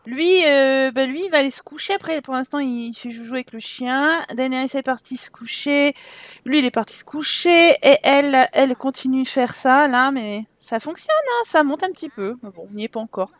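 A young woman with a high voice talks her way through a life-sim game, giving her characters orders and laughing along. Her voice is recorded close and dry. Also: lively intonation, normal speed, no echo. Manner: chatty, bossing her game characters around, laughing often. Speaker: gaming YouTuber. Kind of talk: casual let's-play commentary.

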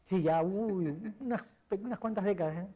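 A man's voice: high voice, normal speed, mellow, breathy edge. A middle-aged man with a Peruvian accent, a sports columnist telling rambling stories as a guest in a casual interview, full of fillers and restarts. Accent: Peruvian Spanish. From Peru.

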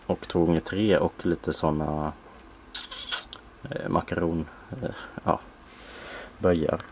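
Low male voice, unhurried, hobbyist showing his collection; noisy home-recorded sound. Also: creaky. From Sweden. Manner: relaxed, listing parts with many fillers. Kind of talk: casual room-tour narration. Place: home workshop room, dim lighting.

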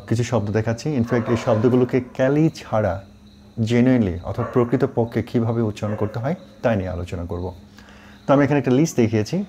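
A middle-aged man who teaches English, explaining pronunciation and spelling words out slowly, mixing English words into his talk. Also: lowish voice, mellow, a little hiss or hum. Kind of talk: online pronunciation lesson.

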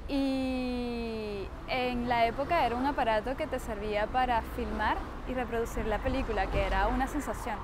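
A young woman from Venezuela speaks in a high voice, chatty and keen as she explains the sights. She is recorded outdoors on a lapel mic, with clear street noise and passing cars behind her. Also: steady tone, moderate pace. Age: young adult. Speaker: interviewee, tour guide. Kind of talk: casual outdoor interview.

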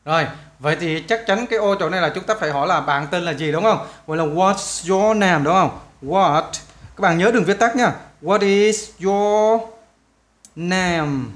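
A man whose first language is Vietnamese teaches English to schoolchildren in a casual, chatty walkthrough, repeating phrases often and spelling out English questions slowly. His voice is a little high, expressive, and fairly bright.

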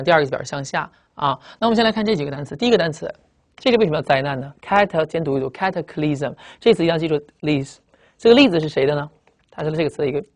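A man giving a fast vocabulary lecture that keeps up a brisk pace through the Chinese explanations. He asks the class questions and then answers them himself. He slows down to read out the English words and spell them letter by letter. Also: a little high. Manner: often ends phrases with a drawn-out "ah".

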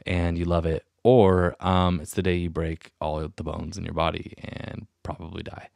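Low-voiced rambling podcast man. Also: clear, resonant tone, no room sound, clean studio sound. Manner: self-deprecating, rambling, restless. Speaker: podcast host. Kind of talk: rambling solo podcast chat. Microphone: studio mic with headphones.

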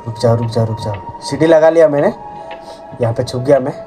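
A man's voice: mid-range voice, brisk. A man giving casual gameplay commentary who keeps talking to his viewers and yelps and repeats words when startled. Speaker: gaming channel host. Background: horror game music.

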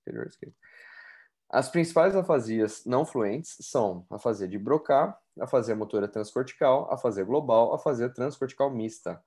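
A man reading exam questions aloud in a measured way and commenting on them. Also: medium pitch, expressive, darkish tone, breathy edge. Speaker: exam prep instructor.

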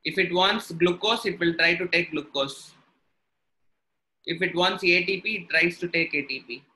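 A man's voice: sits high, normal speed, pushed and bright, poor audio. A man with a South Indian accent teaching biology in a live online lesson, explaining step by step and repeating his points. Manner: instructional, repeats and rephrases points.

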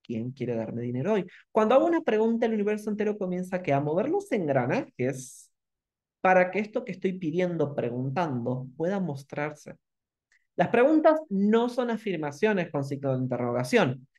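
Teaching an online masterclass at a normal speed, this Rioplatense Spanish-accented man speaks in a high-sitting voice. He's animated and emphatically repeats his questions.

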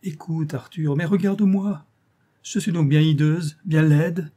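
A man's voice: fairly high pitch, fairly even intonation, unhurried, mellow, pitched above the performer's own voice. A man voicing a desperate young peasant girl. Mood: desperate pleading. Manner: pleading, impassioned cries.

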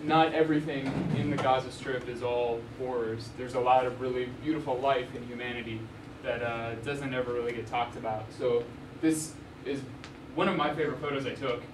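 Medium in pitch with fairly even intonation, this young man from Arizona talks a little fast and hardly pauses. The journalist gives a relaxed slide lecture in a university hall, with many ums and restarts. He's heard from a distant room mic in an echoey, noisy space.

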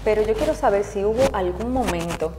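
A woman's voice: mid-range voice, brisk, background noise. A woman host who is a doctor, asking her guest questions in a conversational way. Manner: conversational, asks probing questions. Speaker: host, physician. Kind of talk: interview conversation. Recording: roomy reverberant room, faint music.

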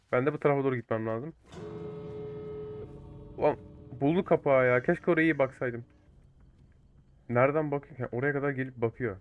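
A young man giving excitable live commentary over a multiplayer game, swearing and talking to teammates and viewers. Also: mid-range voice, phone-quality sound. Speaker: gaming YouTuber.

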